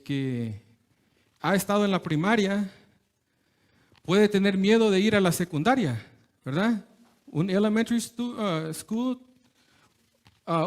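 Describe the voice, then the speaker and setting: Male preacher, high voice, chatty and halting sermon delivery, sprinkles in English. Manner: conversational, keeps asking "¿verdad?", slips into English words; hesitant restarts, chuckles between phrases. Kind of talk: informal Spanish sermon.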